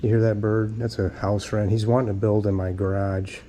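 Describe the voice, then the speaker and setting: A man's voice: lowish voice, flat delivery, moderate pace, warm tone. A man talking casually as a mechanic in his garage, muttering to himself in short bits of shop talk while he works. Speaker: mechanic restoring an old car in a home garage. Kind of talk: casual hands-on workshop vlog. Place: home garage.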